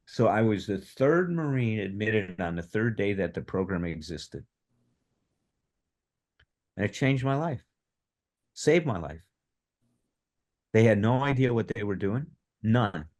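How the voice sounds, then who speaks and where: A man in his seventies telling his own story in animated fashion at a recovery workshop, acting out the voices of people in it. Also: lowish voice, measured pace, pauses often. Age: 70s. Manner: animated, acts out quoted dialogue. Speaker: workshop speaker on addiction recovery. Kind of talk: personal storytelling.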